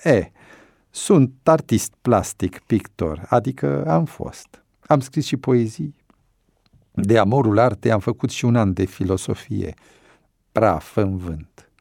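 A man voicing an educated middle-aged vagrant who speaks slowly and wryly. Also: lowish voice, expressive, gravelly, warm tone, no echo, clean studio sound.

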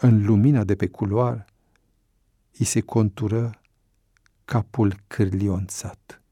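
A man narrating a novel as an audiobook, in a measured, unhurried storytelling manner. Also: on the low side, steady tone, dark tone, no room sound, studio quality.

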